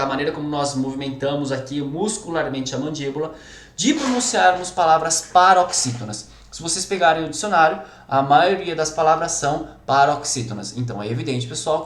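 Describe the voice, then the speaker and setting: A man's voice: on the high side, reverberant. A Brazilian man teaching a grammar lesson in a chatty manner, often checking in with the class. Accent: Brazilian Portuguese. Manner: chatty and animated, peppers lines with "pessoal" and "tá?". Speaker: Portuguese teacher.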